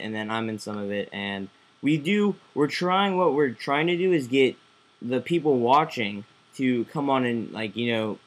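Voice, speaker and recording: A man hosting a casual live-stream chat, rambling with many fillers and restarts. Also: medium pitch. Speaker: host.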